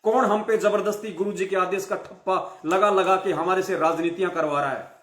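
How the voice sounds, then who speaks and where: A man with a light tinge to his preaches fiercely, berating his listeners and repeating phrases for emphasis. His voice sits high for a man. The recording has a roomy echo around it. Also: fairly even intonation, normal speed, fairly bright tone. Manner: scolding, rhetorical questions, repeated emphatic phrases. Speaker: devotional live speaker. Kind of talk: fiery devotional sermon.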